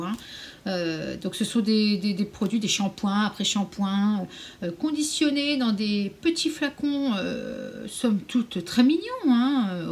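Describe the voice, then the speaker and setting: A woman with a fairly high, darkish-toned voice records a casual anti-haul beauty vlog at home. Frank, opinionated and a little sarcastic, she pauses now and then to coo at her cat.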